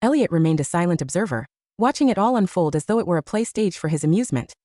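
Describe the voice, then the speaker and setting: A woman narrating a first-person romance audiobook story in an expressive storytelling manner. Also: on the low side, fast, no echo, studio quality.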